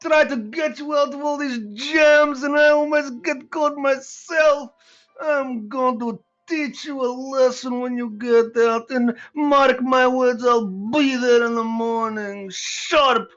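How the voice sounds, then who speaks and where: A woman voicing a furious adventurer who shouts and scolds a friend. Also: high voice, fairly even intonation, slow, highs cut off, soft background music.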